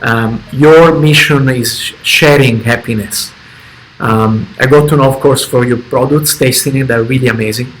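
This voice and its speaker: A man hosting a podcast interview, asking long questions with many pauses and fillers that trail off quietly. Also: mid-range voice, low-quality recording. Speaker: podcast host.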